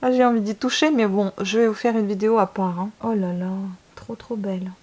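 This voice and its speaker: A woman's voice: mid-range voice, fairly even intonation, a little fast, darkish tone. A woman with a mid-range voice gushing over what she unpacks in a casual vlog. Her talk is enthusiastic and full of little hesitations. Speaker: beauty vlogger.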